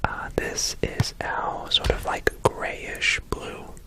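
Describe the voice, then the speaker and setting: An ASMR creator with an Australian accent, whispering softly into a close desk microphone in a small home studio, rambling with many fillers. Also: slow. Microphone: close USB desk microphone.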